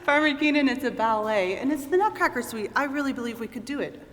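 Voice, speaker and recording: A woman's voice: high voice, fast, a bit bright. A woman doing playful, mock-earnest stage banter in front of a concert audience, at times dropping into stage whispers. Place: large church before an audience. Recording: long echo in a large hall.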